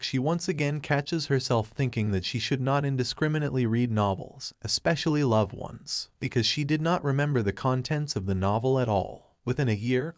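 A man reading a scripted story recap in a steady, even narrating voice. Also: medium pitch, no echo, clean studio sound.

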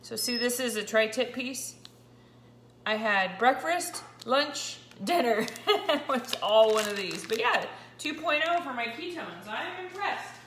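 A fortyish woman who runs a keto vlog chats to camera at a fairly high pitch and a slightly slow pace, excitable and a bit scratchy-voiced as she works with a meter. Her kitchen at home is echoey and noisy in the background, and the camera points down at the counter.

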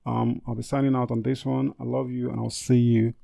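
A man's voice: mid-range voice, level tone, fairly quick, gravelly, dark tone, dry recording. A man hosting a casual trading tutorial over a screen recording, repeating himself and correcting his words with many fillers. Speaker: trading channel host.

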